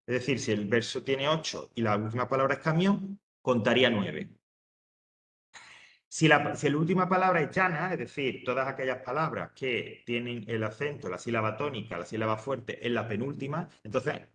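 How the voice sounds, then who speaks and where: A male teacher's mid-range, slightly bright voice echoes in a reverberant room as he lectures students. He goes through the material step by step, checking in with "¿vale?" and often restarting his sentences amid plenty of fillers.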